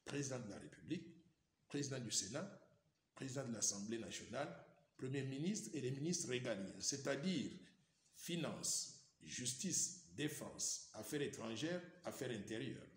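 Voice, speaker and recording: A middle-aged Congolese man speaks French in a formal, step-by-step manner, laying out his points one after another. His voice carries around an echoey room, and faint noise sits underneath it. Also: medium pitch. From Democratic Republic of the Congo. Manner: formal, methodical explaining. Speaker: politician guest. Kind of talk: interview answer.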